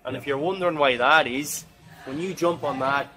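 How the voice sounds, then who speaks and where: A man's voice: on the high side, normal speed, sharp tone, faint music behind, low-quality recording. An older man with an explanatory manner, often repeating words as he starts a sentence, describing equipment during an interview in a large warehouse, recorded by a nearby 360 camera. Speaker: forklift dealer expert. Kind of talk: on-site demonstration interview.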